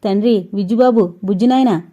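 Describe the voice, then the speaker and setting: A woman voicing a teasing, grumbling young bachelor in an audio novel, with a dark, mellow tone on a dull lo-fi recording. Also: medium pitch, brisk, lightly acted. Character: young man, joking, grumbling bachelor friend.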